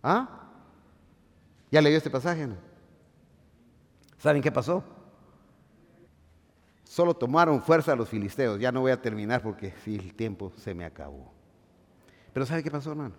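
A man preaching a sermon as pastor, swinging from shouting to hushed asides. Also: mid-range voice, expressive, normal speed, long pauses. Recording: long hall reverb.

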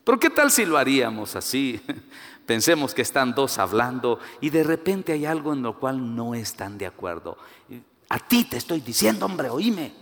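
In a large hall, a Guatemalan man with a Guatemalan Spanish accent preaches a sermon full of personal stories, speaking at a medium pitch and normal speed. He's animated, rising to emphatic peaks and acting out the voices he quotes.

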